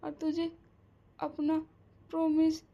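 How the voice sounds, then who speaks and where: A woman voicing a weak dying mother, soft. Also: sits high, monotone, slow, vocal fry, muffled recording, exaggerated voice. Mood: tender. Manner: soft, weak, earnest urging.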